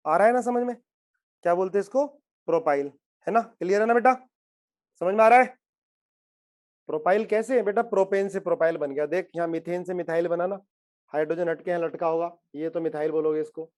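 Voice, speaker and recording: A man's voice: sits high, a little fast, a little mellow. Coaxing man teaching a chemistry class. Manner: coaxing, repeats questions to students. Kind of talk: classroom lecture.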